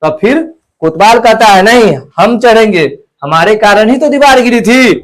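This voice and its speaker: Brief: male teacher, high voice, explanatory lesson narration. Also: expressive, normal speed, fairly bright tone, rough recording. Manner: explanatory, repeats lines to clarify. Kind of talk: retelling and explaining a textbook play.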